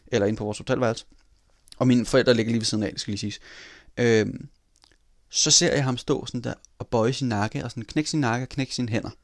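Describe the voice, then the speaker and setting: A man in casual chat telling a personal story in an animated way, swearing casually. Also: medium pitch, dry recording, clean studio sound.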